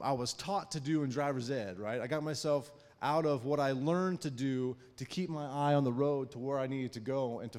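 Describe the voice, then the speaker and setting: A man's voice: mid-range voice, a little mellow, big-room sound. A man preaching a sermon, telling a personal story in a folksy way with frequent "right?" asides. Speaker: pastor.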